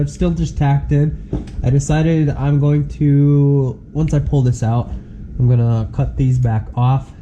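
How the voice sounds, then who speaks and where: A man's voice: mid-range voice, mellow, muffled recording, a little hiss or hum. A sick man with a nasal, stuffy voice hosts a casual car-build vlog from his home workshop shed and explains each step as he works. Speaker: host.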